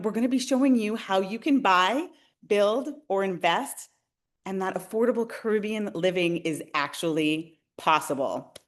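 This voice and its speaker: A woman in her forties from Canada, a realtor hosting a webinar, who talks in a friendly, enthusiastic way and speaks straight to her viewers. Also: mid-range voice. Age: 40s. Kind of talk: upbeat webinar presentation.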